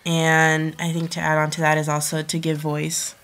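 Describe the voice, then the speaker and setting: A woman's voice: sits low, monotone, moderate pace, a bit bright, slight background noise. A young woman hosting a podcast in casual talk, hesitant as she searches for words, with a nasal whine from a congested cold. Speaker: podcast host.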